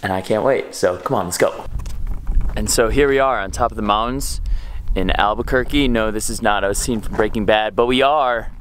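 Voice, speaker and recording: A man's voice: lowish voice, moderate pace, fairly bright tone, a little hiss or hum. Upbeat young man vlogging to camera. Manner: upbeat, chatty, talking to camera. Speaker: travel vlogger. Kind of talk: casual travel vlog. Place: outdoors and in a rented house, on the road. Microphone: handheld camera at arm's length. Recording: background music throughout.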